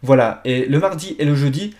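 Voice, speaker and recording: Young guy rambling on his podcast, lots of ums and self-corrections, fairly high voice. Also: a little fast, darkish tone. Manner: rambling, many fillers and restarts, addresses listener directly. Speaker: podcast host. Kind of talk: casual solo podcast talk.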